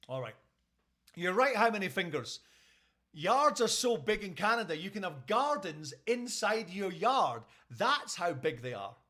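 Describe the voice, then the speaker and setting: Lively chatty Scottish man telling a story. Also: sits high, a little slow. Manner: chatty, keeps checking in with listeners. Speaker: radio host and streamer. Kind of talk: casual storytelling on a live stream.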